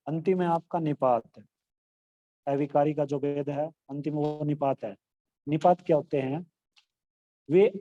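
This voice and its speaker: A man's voice: on the high side, dark tone, lo-fi sound. A man teaching a Hindi grammar lesson online, explaining terms and acting out example exclamations with feeling.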